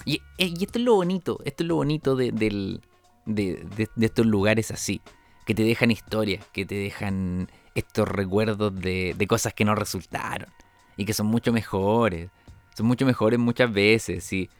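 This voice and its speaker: Energetic Chilean man telling comic stories. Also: on the low side, normal speed, soft background music. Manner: rambling, energetic, with sound effects and stammered restarts. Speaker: comedian host. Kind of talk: comic storytelling.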